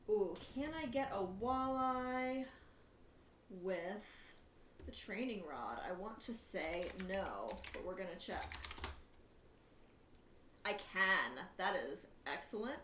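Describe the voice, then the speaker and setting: A woman's voice: medium pitch, slow, recorded from a distance. A woman livestreaming a game, thinking aloud and chatting to viewers with dry, wry humor. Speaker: livestreamer hosting a charity gaming stream. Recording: roomy echo, off-mic, faint background noise.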